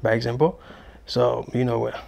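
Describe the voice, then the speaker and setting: Gravelly man, halting. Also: medium pitch, steady tone, darkish tone, slight background noise. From Haiti. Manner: halting, many fillers and repeats. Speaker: guest, English student. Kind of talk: interview answers. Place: TV studio.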